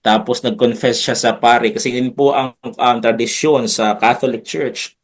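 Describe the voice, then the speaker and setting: A man pastor teaching a Bible lesson in an unhurried, chatty preaching style, with jokes and asides to his listeners. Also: medium pitch, steady tone.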